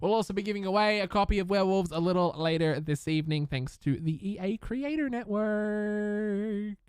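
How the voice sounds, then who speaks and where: A man's voice: sits high, quick pace, clear, resonant tone, dry recording, clean studio sound. A man giving casual live-stream commentary while playing a game, chatty and upbeat, talking to his chat and to the characters.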